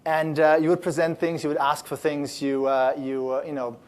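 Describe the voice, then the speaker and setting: A man who founded a startup accelerator giving a conference talk to an audience, talking loosely with many fillers and restarts in an upbeat, animated way. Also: on the high side, normal speed.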